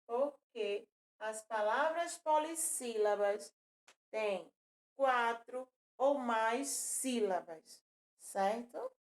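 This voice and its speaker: A woman's voice: fairly high pitch, animated, very slow. A woman teaching a children's lesson, patiently repeating words and counting syllables aloud. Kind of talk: recorded classroom lesson for children.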